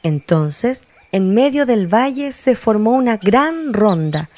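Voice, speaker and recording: List: woman, children's storyteller, scripted narration, slow, gentle. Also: a little high, big pitch swings, a little hiss or hum.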